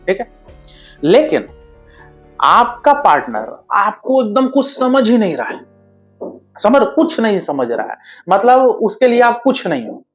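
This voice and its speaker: Speaking directly to his viewers, a man hands out blunt, casual relationship advice, repeatedly checking they follow and addressing them as brother. His voice sits high.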